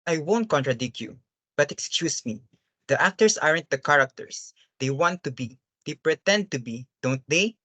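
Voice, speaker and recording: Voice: mid-range voice, animated, normal speed, a bit bright, no room sound. An earnest, troubled father from a stage play, as acted by a performer. He speaks formally and deferentially, hesitating and pleading. The sound is close and dry. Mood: deferential, insistent. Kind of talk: dramatic stage-play reading.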